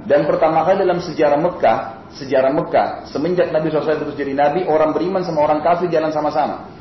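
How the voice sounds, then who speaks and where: A male preacher delivers a lively storytelling sermon in a slightly higher voice. His words ring in a roomy mosque, and the recording sounds a little dull, with faint hiss behind it. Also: racing. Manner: animated, dramatic retelling with casual spoken asides.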